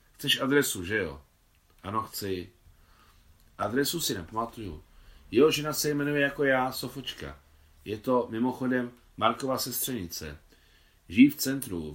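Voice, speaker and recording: A man's voice: medium pitch, close to an everyday voice. A man reading a novel aloud, voicing an imperious older woman who speaks bluntly and knowingly.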